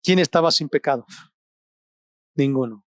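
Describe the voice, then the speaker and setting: A man preaching a sermon as pastor in a church service streamed online. He speaks in short, deliberate phrases with long pauses, lifting his voice for emphasis and sinking low and soft on solemn words. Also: no room sound, studio quality.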